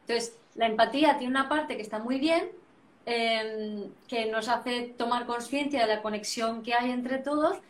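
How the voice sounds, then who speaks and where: Woman, guest therapist, animated, repeats phrases, echoey room. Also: on the high side, moderate pace. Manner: animated, repetitive phrasing, frequent tag questions. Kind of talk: reflective conversational explanation. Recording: roomy sound, distant from mic.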